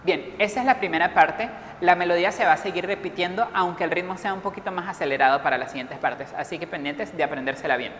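A woman music teacher giving a lively class to young children, explaining instruments and getting them to join in. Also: on the low side, quick pace, few pauses, a little hiss or hum. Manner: lively, encouraging, leads children in rhythmic sound imitations. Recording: echoey room with long reverb.

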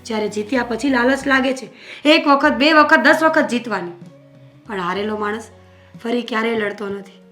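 A woman playing a calm, resigned wise woman. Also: fairly high pitch, normal speed, faint music behind, close to an everyday voice. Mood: reflective. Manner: calm, reflective, philosophical.

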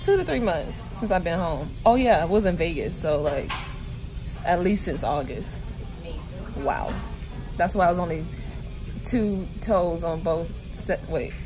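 Laughing often, a woman in her twenties, a beauty vlogger, talks casually and candidly into a phone camera at arm's length, moving between her living room and a nail salon. Her low, expressive voice goes at a measured pace with long pauses, while music plays behind her.

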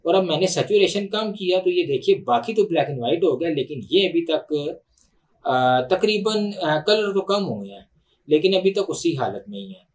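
A man with a Pakistani Urdu accent walks through a software tutorial at his computer, unhurried and thinking aloud with fillers and restarts. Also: high-pitched, animated. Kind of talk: screen-recorded tutorial explanation.

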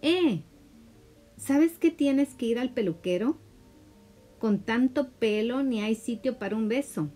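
Woman reading as tender young girlfriend, coaxing, a bit higher and brighter than her narration. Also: lively intonation, slow, pauses often, faint music behind.

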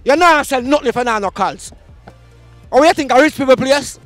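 A man's voice: very high-pitched, lively intonation, brisk, faint music behind. A Jamaican man hosting a street vlog at an outdoor market, hyped and chanting a catchphrase. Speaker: vlog host.

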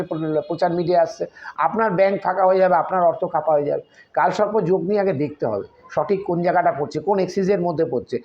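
A man, a tantric practitioner, gives spiritual advice in a forceful, warning tone and slowly chants Sanskrit mantras. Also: a little high, lo-fi sound.

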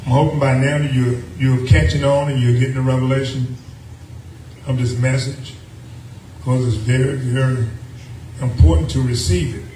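Preaching in a small church sanctuary, a middle-aged American pastor with a Southern accent uses a mid-range voice at a moderate pace, with long pauses, repeating phrases as he climbs from calm speech to cries of praise in call-and-response. A handheld mic captured it from the pews, giving distant, roomy church sound with music and slight background noise.

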